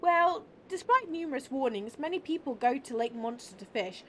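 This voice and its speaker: A woman's voice: sits high, lively intonation, moderate pace, a little hiss or hum. A woman voicing a chatty, rambling small-town tourism officer in a game.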